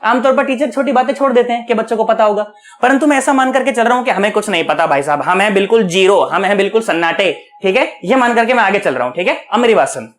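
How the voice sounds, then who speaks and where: Male physics tutor with a fairly high voice, folksy classroom patter, quizzes and answers himself. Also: lively intonation. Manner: asks questions and answers them himself, coaxing and chatty; repeats key words slowly for emphasis. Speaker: physics teacher. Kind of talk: online lecture, explaining at a board.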